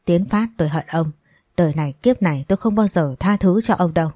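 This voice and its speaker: A woman's voice: lowish voice, fairly quick, dark tone, dry recording, lightly acted. A woman voicing a resentful middle-aged woman who accuses a man of old betrayals, in a storybook reading. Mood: bitter.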